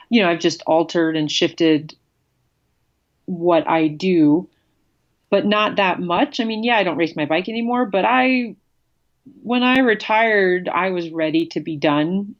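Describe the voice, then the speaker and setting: Candid, blunt woman guest, slightly low-pitched, on a dull lo-fi recording. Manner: candid, blunt, laughs often. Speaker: guest, former pro cyclist. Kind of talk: casual interview.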